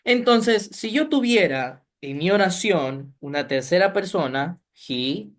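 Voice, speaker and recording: A woman's voice: lowish voice, expressive, unhurried. A woman teaching English grammar step by step, often checking understanding with short tag questions. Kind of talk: recorded grammar lesson.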